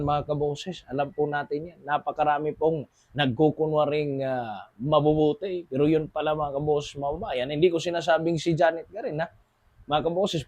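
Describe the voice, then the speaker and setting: A man's voice: fairly high pitch, dry recording, lo-fi sound. A man with a Filipino accent giving casual news commentary as a show host, constantly addressing his audience and using many fillers.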